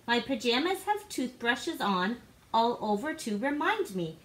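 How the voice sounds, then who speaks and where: Playful and theatrical, a woman serving as guest co-reader reads rhyming storybook text for young children in a living room. Her voice is fairly high, a bit bright, and very animated, at a measured pace. A device camera a short distance away serves as the microphone.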